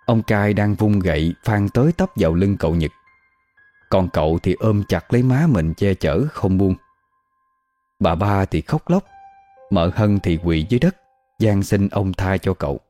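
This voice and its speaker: A man narrates a scripted horror tale at a steady, measured pace. His voice is very deep and dark, and soft music plays faintly underneath. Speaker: storyteller.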